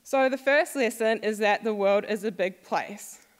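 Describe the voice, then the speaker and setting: Young New Zealand woman, former student, upbeat speaker, mid pitch, reverberant hall. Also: measured pace. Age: young adult. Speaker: alumna speaker. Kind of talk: prepared talk to an audience. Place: school hall.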